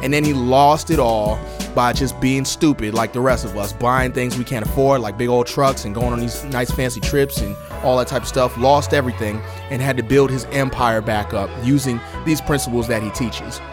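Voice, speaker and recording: Male podcast host, average pitch, informal direct address, clear music underneath. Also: fairly even intonation, normal speed. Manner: colloquial, addresses listeners directly. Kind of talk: casual solo podcast talk.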